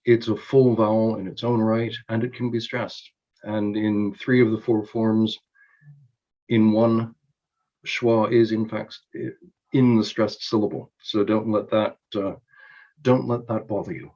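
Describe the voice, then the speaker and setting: A man presenting a conference talk on linguistics, explaining slowly and carefully with frequent ums and self-corrections. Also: on the low side, steady tone, darkish tone, highs cut off. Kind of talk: recorded academic conference talk.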